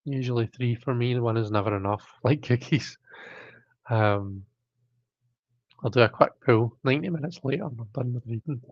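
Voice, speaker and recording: Speaking at a moderate pace in a medium-pitched voice, a male livestream host reads chat and chats in a loose, casual way. He keeps restarting and filling pauses while his throat catches. The sound is dry and lo-fi.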